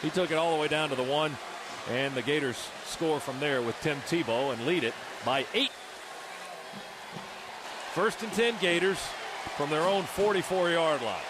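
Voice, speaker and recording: A man's voice: on the high side, moderate pace, pauses often. American man calling football touchdowns over stadium roar. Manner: clipped running description of each play. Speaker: radio play-by-play announcer. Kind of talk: live American football play-by-play commentary, with touchdown calls. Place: open stadium broadcast booth. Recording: loud stadium noise behind broadcast voice. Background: loud stadium ambience.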